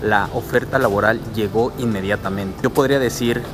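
With a lowish voice at a moderate pace, the man from Mexico talks to the handheld camera at arm's length while walking suburban streets and a transit station. His walking vlog explains immigration in a steady, explanatory way, with music underneath.

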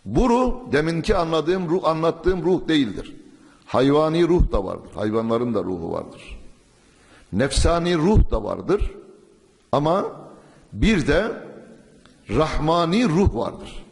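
A man's voice: fairly high pitch, very animated, creaky, a little mellow. Man preaching at a pulpit microphone. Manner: measured, emphatic, recites Arabic verses. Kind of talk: sermon. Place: mosque pulpit. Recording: long hall reverb.

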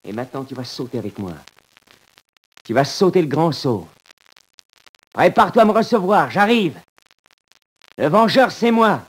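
A jealous, violent young convict in an old radio drama. His voice sits high and leaps widely in pitch, and he speaks with constant intensity. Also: animated, normal speed, pauses often, breathy edge. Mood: menacing. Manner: intense, moves from gloating to desperate pleading. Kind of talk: 1940s radio drama acting.

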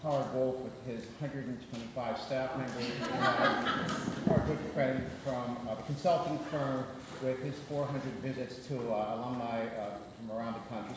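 A man speaking on stage at a conference as interviewer, telling jokes and loose stories. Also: mid-range voice. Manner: joking, anecdotal, loose. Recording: echoey hall, noisy.

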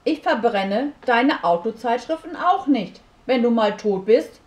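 A woman's voice: fairly high pitch, lively intonation, a little slow, reverberant, pitched above the performer's own voice. Young boy, stubborn and curious, slightly raised voice, storybook, played by a woman.

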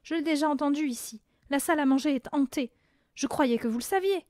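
Brief: clever little girl, woman reader, high, eager and playful. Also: lively intonation, fairly quick, a little mellow, no echo, studio quality. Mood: bold.

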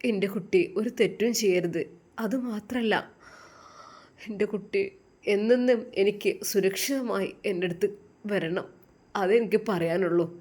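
A woman's voice: mid-range voice, a little mellow, natural voice. A woman voicing a worried, loving old mother who speaks tenderly and anxiously in a storybook tale.

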